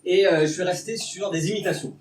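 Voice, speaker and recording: In an echoey, noisy comedy room recorded from a far mic, a young Bordeaux native gives his first live stand-up performance. He speaks fairly quickly in a high-sitting voice, nervous, rambling and self-deprecating.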